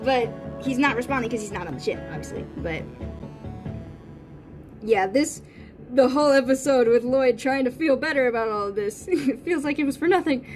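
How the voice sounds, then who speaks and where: A woman's voice: sits high, animated, moderate pace, music in the background, low-quality recording. A woman live-streaming from her room, chatting casually and thinking aloud with lots of fillers. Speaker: art streamer.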